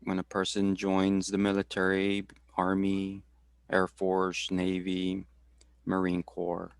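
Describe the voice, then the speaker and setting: A man in his forties from Texas, talking through his career in a halting way, with many fillers and restarts, over a video call. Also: deep voice, completely flat delivery, creaky, smooth, no echo, clean studio sound. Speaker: guest speaker. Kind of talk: casual career talk.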